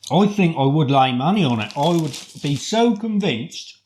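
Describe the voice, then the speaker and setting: A man with a British accent giving a casual product review in a chatty, deliberate way, often posing rhetorical questions. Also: fairly high pitch, expressive, a little mellow, slight background noise. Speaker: food review vlogger.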